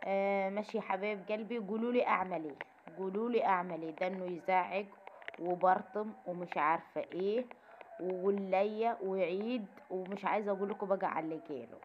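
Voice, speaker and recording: A woman's voice: mid-range voice, fairly even intonation, fast. A woman with an Egyptian accent, casually telling her viewers a story and often addressing them fondly while asking who is right. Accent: Egyptian Arabic. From Egypt, Sharqia. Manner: chatty, keeps calling viewers "my dears", asks them who is wrong. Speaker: vlogger. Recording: slightly dull audio with faint background noise.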